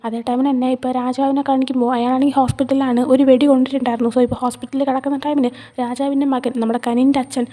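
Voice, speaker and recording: Young woman doing a quick chatty episode recap, high voice, kinda soft and mellow tone, drops english words in. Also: flat delivery. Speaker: channel host. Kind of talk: casual episode recap narration.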